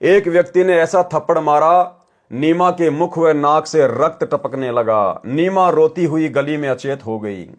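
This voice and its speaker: A man's voice: on the high side, unhurried. A man reading scripture and preaching. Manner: addresses listeners as brothers and sisters. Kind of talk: scripture reading with sermon commentary.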